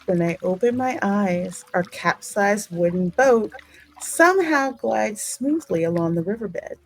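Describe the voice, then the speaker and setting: A woman who runs a gaming channel reads a story game's narration slowly, reacting aloud in her own asides. Her mid-range voice is expressive, music plays behind her, and the recording quality is low.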